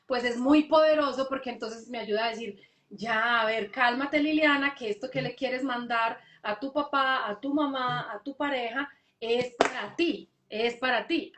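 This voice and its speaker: A woman hosting a live online session, reflecting aloud in an earnest way as she sets up a question for her guest. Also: sits high. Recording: echoey room.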